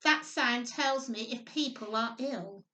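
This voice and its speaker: A nursery worker hosting storytime reads aloud and chats with young children in a simple, sing-song way, often adding tag questions. Her voice is on the high side, slow, pushed and bright. A distant microphone gives the recording a roomy echo.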